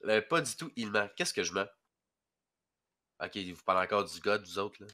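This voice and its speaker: A lowish male voice with lively intonation comes through at normal speed, bright and forceful. The speaker is a young man from rural Quebec with a Québécois French accent and a head cold, who rambles hesitantly with many fillers while casually chatting as a podcast guest.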